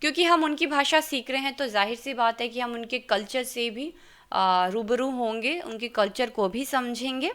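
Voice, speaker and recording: In an online German lesson, a woman patiently sounds out letters and explains them in a blend of Hindi and English. Her voice sits on the high side with a fairly bright tone, and she speaks at a normal speed, pronouncing each sound carefully.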